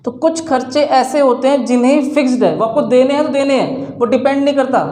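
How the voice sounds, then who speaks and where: A man's voice: extremely high pitch, a little fast, dark tone. A man teaching a class, explaining step by step and posing questions to the students that he answers himself. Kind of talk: classroom lecture. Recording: roomy echo.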